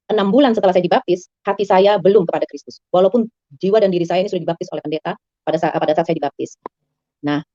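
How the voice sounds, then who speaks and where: A woman tells her personal testimony in a rush of earnest words, her voice mellow and warm. Her pitch climbs high and excited at times. The recording is dry and a little dull. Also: no echo. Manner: fast, earnest storytelling that rises high and excited. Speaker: guest giving a personal testimony. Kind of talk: emotional spoken testimony.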